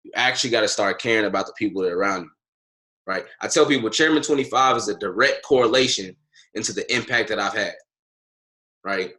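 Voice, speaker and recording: A man's voice: lowish voice, quick pace, bright, forceful tone. A young man in his twenties giving a motivational talk on a team call, with a preachy tone that keeps checking in with his listeners. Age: 20s. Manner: preachy, repeats "right?" and "family" to listeners.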